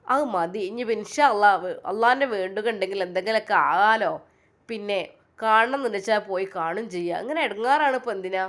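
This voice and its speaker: A woman's voice: mid-range voice, a little fast, natural voice. Woman voicing a pious old mother. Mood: soothing. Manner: gentle, reassuring, prayerful.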